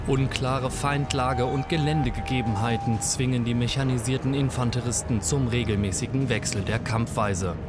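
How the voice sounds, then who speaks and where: A man's voice: medium pitch, fairly even intonation, moderate pace, few pauses. A man reading scripted narration for a military documentary. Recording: voice-over with loud music bed.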